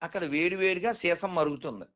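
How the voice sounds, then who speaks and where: A man lecturing in a slightly higher register, pressing his point through rhetorical questions and fond, chiding address. The recording sounds dull and lo-fi. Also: a little fast, fairly bright tone. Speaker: spiritual speaker. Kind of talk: explaining conversation.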